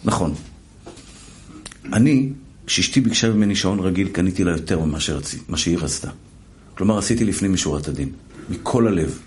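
Animated man preaching a sermon. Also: deep voice, long pauses. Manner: animated storytelling with voiced quotes and repetition. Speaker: rabbi.

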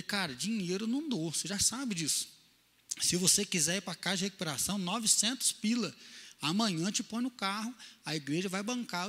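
A pastor delivers an animated sermon, asking questions and playing out the people in his anecdotes. His voice sits high and sounds bright. A long reverb from the church hall trails after his words. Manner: animated preaching with acted-out quotes, asks questions.

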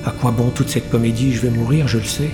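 A man's voice: mid-range voice, fairly even intonation, fast, over music, lightly acted. A man reading the part of a wounded, exhausted young woman doctor who speaks in a weary, curt inner voice. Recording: roomy long reverb, faint noise.

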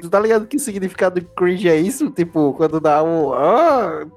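A young man, telling self-mocking anecdotes in halting, slangy casual talk. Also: sits high, a little mellow, faint music behind.

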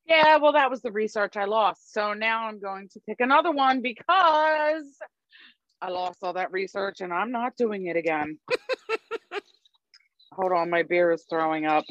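A woman's voice: mid-range voice, animated, measured pace, fairly bright tone, no echo. A middle-aged woman co-hosting a podcast in casual chat, blunt and sweary as she reads through a list. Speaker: podcast co-host. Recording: dull lo-fi remote audio.

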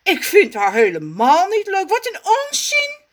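A woman voicing a boastful, excitable male animal in a storybook reading, loud and quick to flare up. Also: sits high, voice pushed up, full character voice. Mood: indignant. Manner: bragging, loud and hot-tempered.

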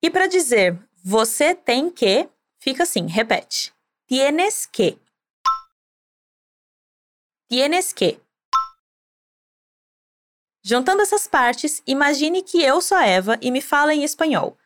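A woman hosting a scripted language lesson, explaining clearly and encouraging the listener to repeat after her. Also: high-pitched, big pitch swings, moderate pace. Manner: clear, encouraging, drilling repetition. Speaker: language teacher host.

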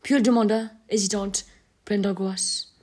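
A woman narrating a classic short story in a measured, expressive reading. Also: mid-range voice.

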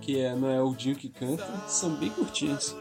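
A podcast co-host chatting casually and lively about songs. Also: medium pitch, brisk, gravelly, over music. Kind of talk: casual chat.

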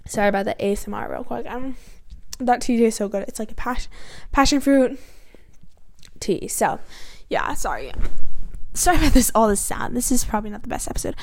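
On her solo podcast, recorded in her bedroom with the mic near her chin, a teen girl chats loosely and fills her talk with fillers. She speaks a little fast with long pauses, in an expressive, slightly high voice.

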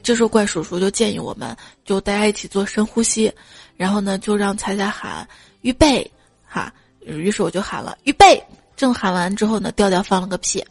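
A woman's voice: mid-range voice, brisk, vocal fry. A woman hosting a casual joke show, telling funny stories in a playful, giggly way. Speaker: podcast host.

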